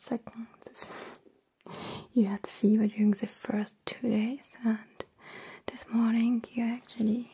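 A woman whispering softly and gently in an ASMR roleplay, caring for someone as a nurse-like caregiver. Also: on the high side. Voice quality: breathy whisper. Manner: soft, gentle, slow whispering. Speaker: ASMR performer.

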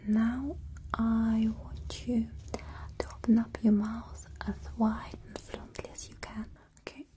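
A woman whispering softly and soothingly as a doctor in an ASMR roleplay. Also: fairly high pitch, little pitch movement, slow pace. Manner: soft whispering, gentle and soothing. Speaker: ASMR creator.

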